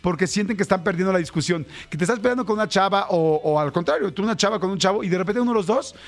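A man's voice: high-pitched, very fast. A man with a Mexican accent hosting a call-in radio show, joking with callers in slangy, laughing talk. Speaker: radio host.

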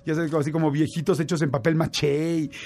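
A man with a Mexican accent telling a personal story in casual chat, animated and full of fillers and restarts. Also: on the high side, fairly quick, faint music behind. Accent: Mexican Spanish.

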